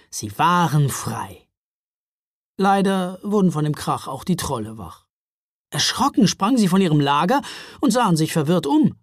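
A woman narrating a children's audiobook in a lively, expressive way. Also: sits low, no echo, studio quality.

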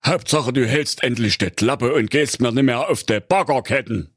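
A man's voice: mid-range voice, moderate pace, slightly rough, no echo, clean studio sound, pitched above the performer's own voice, close to an everyday voice. A man voicing a good-natured, henpecked digger driver in a spoofed fairy tale. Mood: grumbling. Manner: weary, grumbling, placating.

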